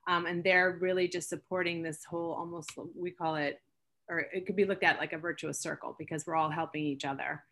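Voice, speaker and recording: A woman's voice: on the low side, steady tone, fairly quick, fairly bright tone. A woman from Seattle, an interview guest and founder, talking earnestly with frequent fillers and laughs. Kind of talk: interview chat.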